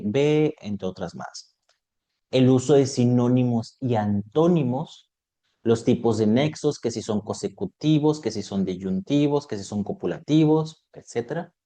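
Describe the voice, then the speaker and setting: A man's voice: mid-range voice, warm tone. A man teaching an online exam prep lesson, explaining topics step by step and checking in with his students.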